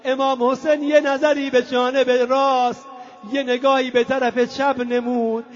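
High-voiced man chanting a mourning lament. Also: little pitch movement. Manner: half-sung lamenting chant with drawn-out wails. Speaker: religious mourning reciter. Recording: dull lo-fi recording.

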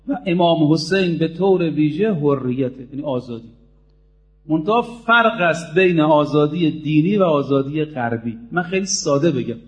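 A male preacher giving an emphatic sermon, speaking directly to his listeners and telling stories to make his point. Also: on the high side. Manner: emphatic, addresses the audience directly.

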